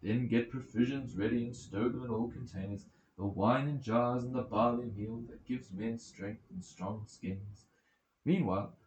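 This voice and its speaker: In a mid-range, slightly mellow voice close to his everyday one, a man reads the part of a goddess masquerading as an old male mentor in an epic audiobook. The dramatic reading is emphatic, commanding, encouraging and reassuring. The home recording has a roomy echo.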